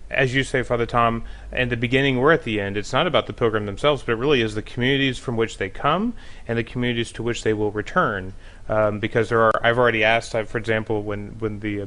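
A man's voice: on the low side, fairly bright tone. A man, a parish clergyman, talking conversationally as a member of a discussion panel.

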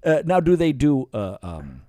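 Animated, jokey male interview host. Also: mid-range voice, unhurried, no echo. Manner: animated, jokey, self-deprecating, stammers restarts. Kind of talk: casual interview chat. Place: Canada.

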